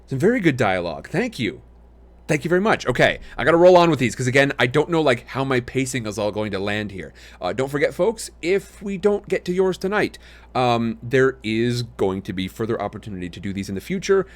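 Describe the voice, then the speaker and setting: A man with a deep lumberjack sort of voice chats casually as a livestream host. He rambles a little and is openly appreciative, talking loosely to his listeners between readings. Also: big pitch swings, a little fast. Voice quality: deep, lumberjack-like voice, deeper than usual today. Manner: rambling, appreciative, often thanking.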